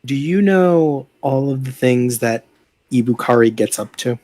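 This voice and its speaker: A man's voice: mid-range voice, expressive, measured pace, warm tone, no room sound. A man playing a tabletop game, chatting casually and joking with the table. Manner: joking, playful. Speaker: player.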